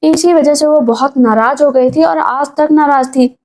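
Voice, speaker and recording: A woman with a high, warm, mellow voice tells a drama's story in a casual recap. She talks in a chatty, loose way, full of fillers as she goes. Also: moderate pace. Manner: chatty, filler-laden retelling. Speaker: movie recap narrator.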